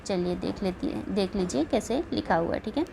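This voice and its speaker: Gravelly-voiced woman teacher, steady. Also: medium pitch, a little fast, background noise. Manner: steady, checks in with repeated "ठीक है". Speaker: exam coaching teacher. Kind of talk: spelling lesson walkthrough.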